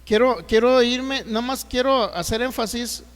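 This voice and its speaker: A Mexican man preaching in a church hall, his voice sitting unusually high for a man. He slows down and gets louder whenever he reads scripture, then drives the point home with rhetorical questions to the congregation. A long reverb trails behind every phrase. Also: clean tone. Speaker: pastor. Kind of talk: sermon.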